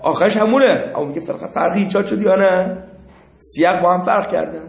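A man's voice: high voice, gravelly. A man teaching a class, explaining through examples and putting questions to his students. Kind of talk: classroom lecture. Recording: echoey room, muffled lo-fi sound.

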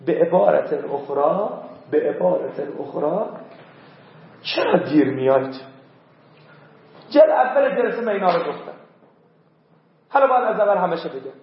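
High-voiced man teaching in echoey room. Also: animated, vocal fry, pauses often. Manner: emphatic, drills words by repeating them. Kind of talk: classroom philosophy lecture. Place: classroom. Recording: echoey, dull lo-fi room recording.

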